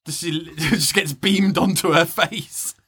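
A man's voice: on the high side, fairly even intonation, takes it slowly, a bit bright, breathy edge. A man co-hosting a podcast, joking and asking playful questions in casual chat. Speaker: podcast co-host.

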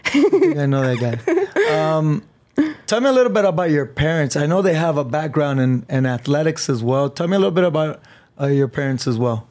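Easygoing podcast host, higher male voice. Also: big pitch swings, darkish tone. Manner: easygoing, chuckles, quick okays. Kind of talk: casual interview.

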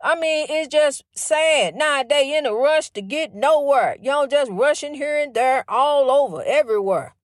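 A woman's voice: high-pitched, lively intonation, normal speed, few pauses, no room sound, studio quality. A middle-aged woman giving a casual spiritual pep talk, fervent, calling the listener honey with lots of you-knows. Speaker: inspirational speaker.

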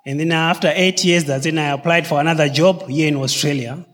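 A man from Zimbabwe with a notably high voice talks earnestly to a congregation. His words carry a long reverb from a large church hall. He strings his story together step by step. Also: steady tone, a little fast, fairly bright tone, slight background noise. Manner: earnest, chains points with "so" and "and then". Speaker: church member sharing testimony. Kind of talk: casual talk to a congregation.

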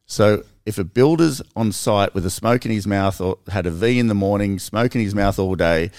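A man co-hosting a podcast, talking earnestly in casual conversation, animated and restarting his sentences as he explains. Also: lowish voice, moderate pace, clear, resonant tone, no room sound, studio quality. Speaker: podcast co-host.

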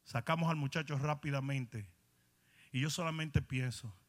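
A man's voice: mid-range voice, moderate pace, fairly bright tone, big-room sound. A man pastor preaching a sermon in a challenging, confrontational way.

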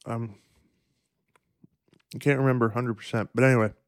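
A man hosting a solo podcast in a relaxed, rambling way, with fillers and throat clearing, eating and sipping coffee at the mic. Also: mid-range voice, moderate pace, dry recording, studio quality. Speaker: podcast host. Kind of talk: casual solo podcast talk.

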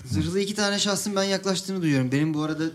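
A man's voice: sits high, fast talker. A man playing a tabletop role-playing game, making wry, teasing remarks. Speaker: player. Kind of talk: in-character tabletop role-play chat.

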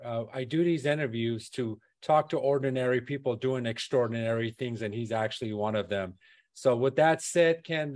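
A man hosting an interview show, opening in a relaxed, slightly halting way. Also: medium pitch. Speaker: host.

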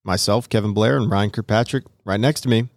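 A man's voice: lowish voice, a little fast, no room sound, studio quality. A man hosting a podcast in casual talk, his words slightly mumbled because his mouth is still numb after dental work. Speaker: podcast host. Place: podcast studio.

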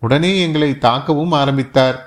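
A man's voice: medium pitch, moderate pace, close to an everyday voice. A man voicing a nervous, servile male palace guard who pleads with his master in an audiobook. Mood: pleading.

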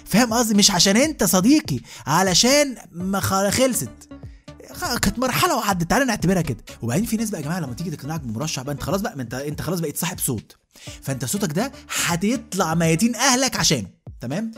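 A man's voice: high-pitched, sing-song, very fast, fairly bright tone, soft background music. An Egyptian man in his thirties delivering a comic rant as a podcast host, asking "you know what I mean" again and again. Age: 30s. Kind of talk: comic monologue.

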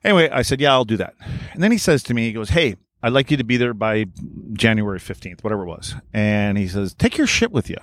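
A man's voice: on the low side, quick pace, hardly any pauses, no room sound. A man, a podcast guest telling blunt, profane stories and acting out both sides of old conversations. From Wisconsin. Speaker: podcast guest, former hockey player. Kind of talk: casual storytelling.

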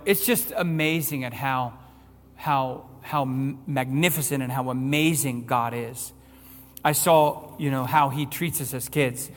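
Male pastor, sermon delivery, pitch a touch high, emphatic questions, long hall echo. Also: fairly bright tone. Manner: rising to emphatic, raised-voice questions. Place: church sanctuary.

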